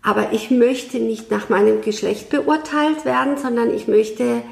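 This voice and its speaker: A woman guest in a conversational interview, speaking in a measured, thoughtful way with frequent hesitations. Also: a little high, gravelly, a little mellow, echoey room.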